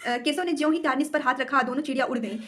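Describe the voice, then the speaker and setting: A woman's voice: sits high, racing, a bit bright. A woman teacher reading a school story aloud and retelling each part in simple words, with frequent hesitations. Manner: reads a passage, then retells it in plain words, with many hesitations. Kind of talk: explaining a school story chapter.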